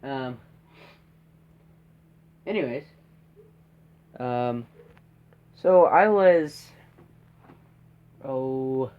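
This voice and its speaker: Lots of fillers and tag questions mark this rambling, casual story from a teenage podcast host with a blocked nose. His medium-pitched voice is expressive but very slow, with frequent pauses, and the recording is lo-fi.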